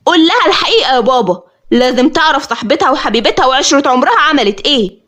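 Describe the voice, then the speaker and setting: A woman's voice: high-pitched, expressive, very fast, fairly bright tone. Woman doing an insistent Egyptian brother. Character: indignant young Egyptian brother. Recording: dull lo-fi audio.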